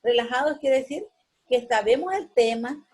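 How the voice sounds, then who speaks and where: An animated, high-pitched female voice with a darkish tone and moderate pace comes through on poor audio. The teacher patiently explains her lesson using everyday examples, habitually tacking on questioning tags and hesitation fillers.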